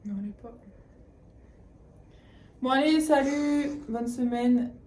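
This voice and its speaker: A young woman telling stories in a casual travel vlog, animated and full of fillers. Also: high voice, slow pace, poor audio. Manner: animated storytelling, hesitant fillers. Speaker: vlogger.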